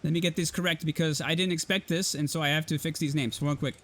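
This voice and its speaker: A man hosting and casting a live esports tournament, excitable and chatty, thinking aloud as he goes. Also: fairly high pitch, fast talker, a little hiss or hum. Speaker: tournament caster and host.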